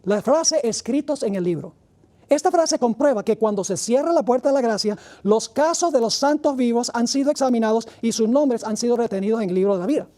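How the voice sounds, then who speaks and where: Pastor preaching, man with a dark warm voice, reads Bible passages slowly and stresses key words. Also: extremely high pitch, animated. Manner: reads scripture aloud, slowing on key words; mentions rushing through much material. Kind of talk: sermon, Bible study lecture.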